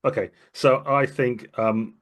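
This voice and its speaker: A man acting as narrator in a tabletop game, describing the scene in a measured, descriptive way. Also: mid-range voice, fairly even intonation. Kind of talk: tabletop role-play narration.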